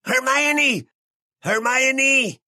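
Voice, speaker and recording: A man voicing a panicked teenage boy in an audiobook, desperate and yelling. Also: very high-pitched, extremely slow, no echo, clean studio sound, pitched above the performer's own voice, heavily acted.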